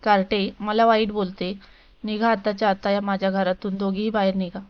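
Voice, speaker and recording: A woman's voice: mid-range voice, little pitch movement, fairly quick, smooth, dull audio, natural voice. A woman reading as a harsh, angry husband. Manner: harsh, shouting, scornful. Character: angry cruel middle-aged husband.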